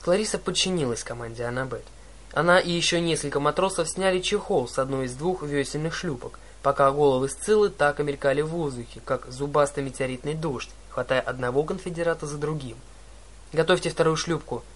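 A man's voice: on the high side, fairly quick. Dramatic male audiobook narrator. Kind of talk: scripted first-person narration.

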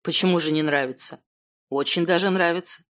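A woman's voice: lowish voice, steady tone, brisk, a bit bright, pitched below the performer's own voice, lightly acted. Woman doing a self-mocking thirty-year-old man. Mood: calm. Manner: self-deprecating, fumbling, then heated.

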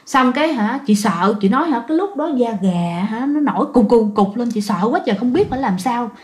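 A woman's voice: fairly high pitch, animated, fairly quick. Woman telling ghost stories. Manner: dramatic, repeats words for emphasis. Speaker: storyteller. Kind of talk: casual ghost story telling to listeners.

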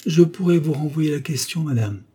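A man's voice: medium pitch, normal speed, warm tone, husky, voice pushed up. A man reading the part of a proud, scornful young former governess, with a cold, ironic, cutting delivery. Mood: mocking. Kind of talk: audiobook dialogue reading.

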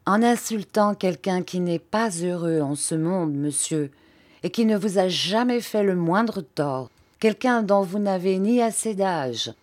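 A woman's voice: on the low side, expressive, measured pace, darkish tone. A woman reading an audiobook, voicing an agitated male schoolmaster who raises his voice in trembling outbursts.

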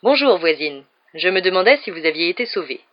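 A woman reading aloud and voicing a big, gentle, kindly man in a calm, soothing tone. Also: medium pitch, fairly quick, lo-fi sound, lightly acted.

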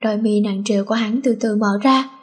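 A woman reading a teen novel aloud in a steady, plain storytelling manner. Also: medium pitch, a little fast.

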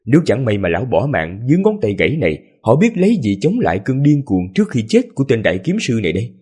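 A man with a hoarse voice narrating a serialized story as the channel host, in a relaxed, chatty way. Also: mid-range voice, quick pace. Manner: relaxed, chatty asides with fillers.

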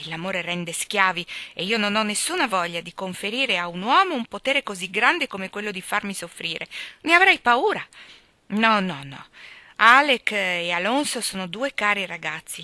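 A woman's voice: mid-range voice, bright, forceful tone, no room sound. A woman voicing a flighty, vain eighteen-year-old rich girl in an audiobook, gushing and theatrical. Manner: theatrical, gushing, swooping emphasis. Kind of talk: audiobook character reading.

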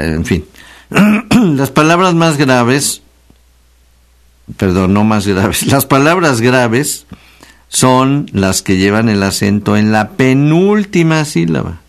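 A man with a Mexican accent hosting a casual radio talk, explaining spelling like a chatty teacher and slowly repeating the key words. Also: deep voice, gravelly. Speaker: radio host. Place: radio studio.

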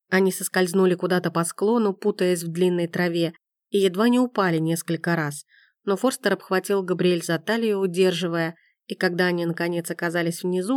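Low-voiced woman narrating an audiobook. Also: darkish tone, no room sound, studio quality.

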